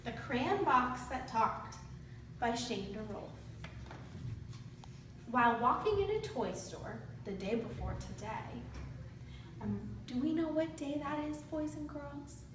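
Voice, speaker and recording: A student teacher reads aloud to a class of young children, her high, animated voice moving slowly with frequent pauses. She keeps her instructions simple and prompts the kids with questions. The mic sits far away in a very echoey room, with faint noise underneath.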